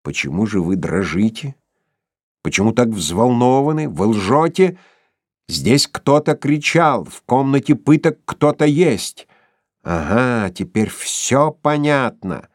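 A man's voice: medium pitch, animated, slow, dry recording, clean studio sound. A man playing a sinister mocking tyrant. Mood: suspicious. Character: menacing jealous man, cruel tyrant.

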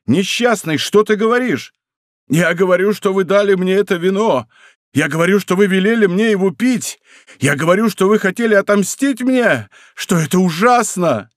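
A man's voice: high voice, expressive, moderate pace, no room sound, clean studio sound, voice pushed up. A man voicing a dying, poisoned soldier who cries out in terror and accuses those around him. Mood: anguished accusing. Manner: anguished, pleading outcries.

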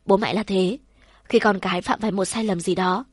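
A woman narrating a first-person story in a soft, measured, heartfelt way. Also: mid-range voice, fairly even intonation, slightly rough, no room sound, clean studio sound.

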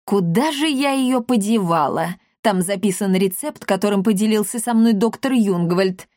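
A woman's voice: mid-range voice, normal speed, a little mellow, no echo, studio quality, close to an everyday voice. A woman voicing a bossy, eccentric old woman who drawls and exclaims. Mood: gleeful.

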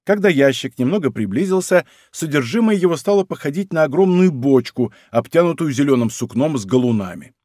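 A man narrating a historical adventure novel as an audiobook, with expressive storytelling. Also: on the high side, a little fast, hardly any pauses, no echo, studio quality. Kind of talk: scripted narration.

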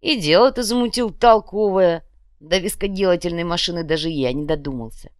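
A woman voicing a short, crude, boastful male red-cap gang boss in an audiobook, talking loud and slangy with a swagger. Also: on the low side, fairly quick, no room sound, clean studio sound, close to an everyday voice. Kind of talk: audiobook character voice.

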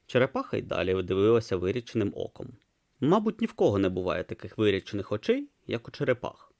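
A man narrating a comic fantasy novel as an audiobook, in an expressive storytelling read. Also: fairly low pitch, quick pace, no echo, clean studio sound.

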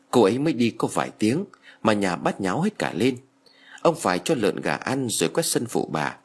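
A man narrating an audiobook story with expressive storytelling. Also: on the low side, breathy edge.

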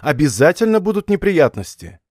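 A man's voice: fairly high pitch, sing-song, moderate pace, a little mellow, no room sound, clean studio sound, pitched above the performer's own voice. A man reading an audiobook voices a stubborn, superstitious young woman student, talking in a raised, pleading, headstrong way. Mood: insistent.

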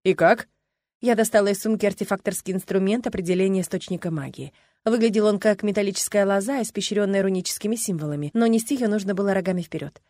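A woman narrating a first-person story for an audiobook in an even, measured way. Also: mid-range voice, no room sound, clean studio sound.

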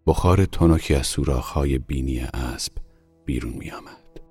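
A man reading a literary short story aloud in a measured, even way. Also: very deep voice, slightly rough, soft background music. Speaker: audiobook narrator. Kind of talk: scripted literary narration.

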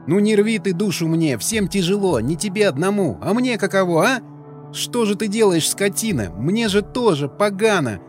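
A man's voice: a little high, very animated, a little fast, faint music behind, pitched above the performer's own voice. A man voicing a heated, tearful young man who pleads in outbursts. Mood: anguished pleading. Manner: pleading outbursts through tears.

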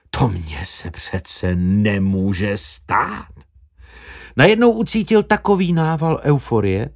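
Male audiobook narrator, animated intonation, expressive. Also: medium pitch. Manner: expressive storytelling.

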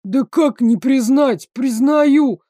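A woman's voice: high voice, warm tone, dry recording, clean studio sound. Woman doing a whining, wailing palace guard. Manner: whining, wailing, slow drawn-out pleading. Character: timid hungover male palace guard, whining.

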